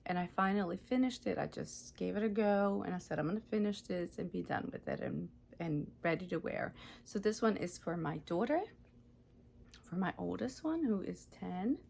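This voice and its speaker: The Ukrainian-born knitting host in her thirties talks through her projects in a relaxed show-and-tell vlog, chatty but frequently self-correcting and uncertain of details. Her voice is low, gravelly and darkish with lively intonation at a moderate pace, over slight background noise.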